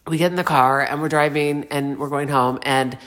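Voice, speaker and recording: A woman in her forties speaks in a notably deep, low register. She muses aloud in an earnest, meandering way, often restarting her sentences. Her wording is gentle and spiritual. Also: fairly even intonation, moderate pace. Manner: soft-spoken spiritual vocabulary. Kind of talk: personal reflective monologue.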